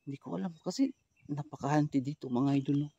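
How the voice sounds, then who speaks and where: A man from the Philippines vlogging a ghost hunt outdoors in a rural wooded spot, switching between loud calls and low hushed murmurs. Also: fast talker, creaky, slightly rough, dull audio. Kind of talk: hushed exploring vlog commentary.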